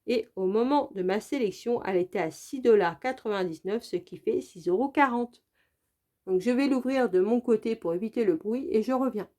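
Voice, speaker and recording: A woman's voice: on the high side, normal speed, dark tone. A woman from France narrating a casual craft unboxing as host of her channel, chatty and repetitive, with many fillers. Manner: chatty, repeats "donc" and "très, très" often.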